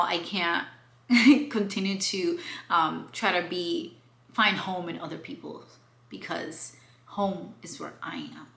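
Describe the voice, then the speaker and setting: A woman's voice: on the low side, vocal fry, pushed and bright. A woman in her late twenties from Cuba, talking candidly in a casual vlog book review and slipping in playful slang. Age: 20s. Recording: roomy echo.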